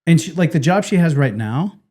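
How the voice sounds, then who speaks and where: A man's voice: a little high, fairly quick. A middle-aged man co-hosting a podcast, telling stories in casual chat and acting out what people said. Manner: animated storytelling, acts out quotes. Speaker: podcast co-host.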